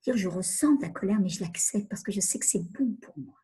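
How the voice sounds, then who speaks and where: A woman's voice: medium pitch, expressive, brisk, mellow, slightly rough. A woman coach giving a webinar talk on emotions, earnest and repeating phrases as she acts out inner questions. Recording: online webinar.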